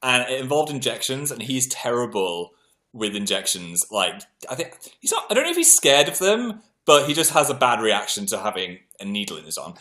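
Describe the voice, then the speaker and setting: A man's voice: mid-range voice, very animated, a little fast, pushed and bright. A man with a British accent hosting a livestream, chatting casually and telling self-mocking stories to his viewers. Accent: British English. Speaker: livestream host.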